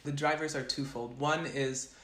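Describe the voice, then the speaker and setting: A man's voice: mid-range voice, fairly even intonation, normal speed, bright, forceful tone. Earnest young man in an echoey room. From grew up between West Africa and the US East Coast. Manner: earnest, thoughtful, with frequent restarts. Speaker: chemical engineering professor, guest. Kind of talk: interview answers.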